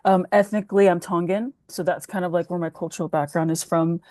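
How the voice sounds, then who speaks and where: Woman guest storyteller on a video call, reflective and earnest, lowish voice, close dry sound. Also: steady tone, fairly quick, a little mellow, no room sound. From Bay Area, California. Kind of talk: virtual panel discussion.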